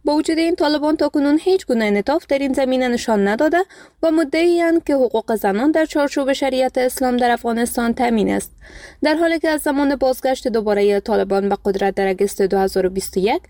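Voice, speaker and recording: A woman newsreader with an Afghan Dari accent and a fairly high but mellow, dark-toned voice. She reads scripted news in a steady, formal way. The studio sound is close and dry. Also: dry recording. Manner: even, formal read delivery. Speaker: news reader. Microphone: studio mic.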